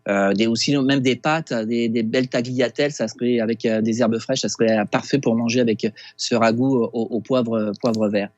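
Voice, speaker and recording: A man with a Québécois accent, a chef talking through a recipe on a casual radio segment, halting with many fillers and restarts over a phone line. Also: medium pitch, fairly even intonation, darkish tone, no room sound. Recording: dull lo-fi phone sound.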